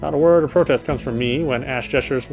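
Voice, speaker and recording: Reading the game text aloud in a let's play, a man with a mid-range, darkish voice keeps up casual, sardonic commentary. He speaks a little fast and informally, and faint music can be heard behind him.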